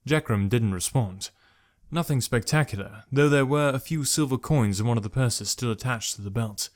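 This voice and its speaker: A man's voice: mid-range voice, normal speed. Man narrating an audiobook. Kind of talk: scripted narration.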